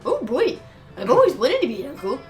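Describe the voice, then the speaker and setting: Puppyish jock boy played by a woman, high, dim and eager, swooping pitch, game role-play. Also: a little fast, soft background music. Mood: excited. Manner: earnest, excitable, simple.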